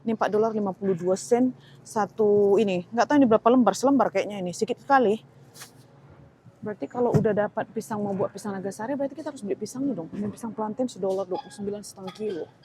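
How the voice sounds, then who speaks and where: Narrating a casual shopping vlog inside a supermarket, a young woman talks fast in a warm, mid-range voice. She muses aloud and reacts with exclamations to the prices, and the low-quality audio carries a little hiss or hum.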